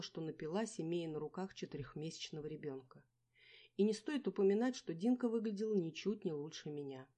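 A woman reading a first-person audiobook in a wry, measured storytelling manner. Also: lowish voice, mellow. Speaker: audiobook narrator. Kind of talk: scripted first-person narration.

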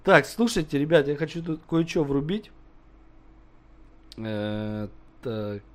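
A man's voice: on the high side, expressive, takes it slowly. A man streaming prank calls to debt collectors, crude and swearing a lot.

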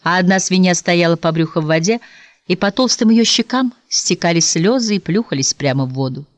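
A woman reading a children's story aloud as an audiobook narrator, in an expressive, lively way. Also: lowish voice, brisk, no room sound. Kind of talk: scripted narration.

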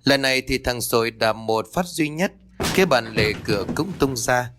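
A male storyteller reads a horror tale in a steady, suspenseful voice. His pitch is middling, and faint music plays under him. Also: normal speed. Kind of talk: scripted horror narration.

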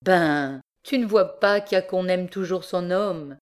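A woman reading aloud, voicing a rough, jealous young countryman who talks bluntly in rustic speech. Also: fairly low pitch, a little slow, pitched above the performer's own voice, natural voice. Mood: gruff.

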